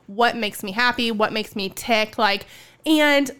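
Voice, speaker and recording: A woman's voice: a little high, a little slow, sharp tone, clean tone. A woman in her late twenties in a casual, reflective podcast chat, often using "like" as a filler. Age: 20s. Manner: reflective, heavy use of "like" fillers.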